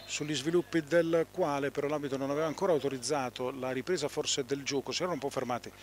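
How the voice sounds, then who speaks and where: Italian guy doing live soccer commentary outside by the pitch, mid-range voice, pauses a bit for details. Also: steady tone, background noise. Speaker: football match commentator. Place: outdoors beside a small football pitch.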